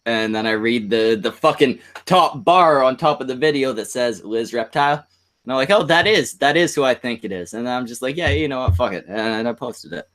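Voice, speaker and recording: Dude rambling crude stories on a stream, average pitch, swears a lot. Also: male voice, a little fast, fairly bright tone. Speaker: stream host. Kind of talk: casual profane chat.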